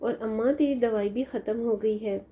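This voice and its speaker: A woman voicing a sad, lonely young woman who pleads softly as she grieves for her mother in a storybook tale. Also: a little high, normal speed, close to an everyday voice. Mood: sorrowful. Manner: plaintive, pleading.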